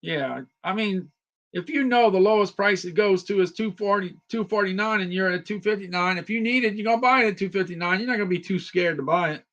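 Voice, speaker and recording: Heard through dull audio, a man with a high, somewhat bright voice talks a little fast while hosting a casual deals live stream. He repeats phrases, chats with viewers by name, and his voice has a slightly worn quality.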